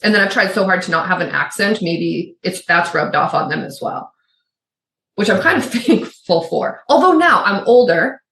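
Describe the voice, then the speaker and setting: Her mid-range voice is expressive and fairly bright at a normal speed as she chats casually on the podcast she co-hosts. She's a middle-aged Michigan Upper Peninsula native with a faint, suppressed Yooper accent, prone to rambling, restarts and asides. The room echo is noticeable.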